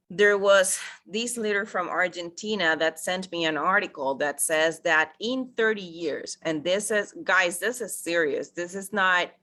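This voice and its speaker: Lady pitching to "guys", lots of ums, bright tense voice. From Costa Rica. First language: Spanish. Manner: upbeat, addresses listeners as guys, many fillers. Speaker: project promoter. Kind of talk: enthusiastic presentation.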